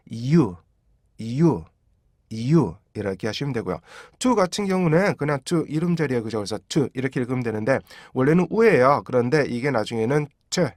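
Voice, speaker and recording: Brief: male pronunciation teacher, middle pitch, patient explainer who drills words slowly, dry close recording. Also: no room sound. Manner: asks rhetorical check questions. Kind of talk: classroom-style pronunciation lesson.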